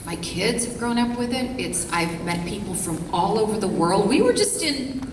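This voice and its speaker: Casting: middle-aged woman, animated panel guest, distant mic, roomy hall. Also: mid-range voice, moderate pace, noisy background. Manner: gushing, animated. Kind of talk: panel answer. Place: large convention hall.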